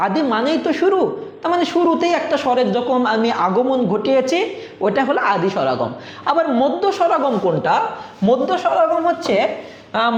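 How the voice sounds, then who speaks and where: A man teaches an exam-prep grammar lesson, asking the viewers questions and then answering them himself. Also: very high voice. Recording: echoey room.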